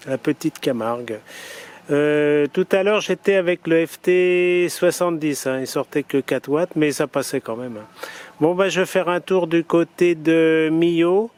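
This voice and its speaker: Outdoors by a road or vehicle, a man with a fairly high, slightly mellow voice chats casually as an amateur radio operator. He is hesitant and repeats himself, often ending phrases with little tags. The outdoor recording is noisy with traffic.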